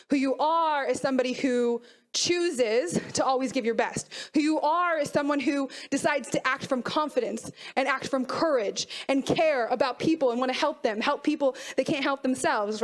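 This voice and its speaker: High-voiced energetic woman coach. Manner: energetic, asks the audience questions. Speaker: mental performance coach. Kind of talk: motivational talk to a youth team.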